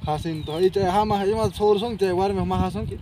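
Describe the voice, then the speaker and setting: An actor playing a rural buddy with singsong banter. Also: male voice, high-pitched, brisk, warm tone, lightly acted. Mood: joking. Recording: noisy outdoor recording.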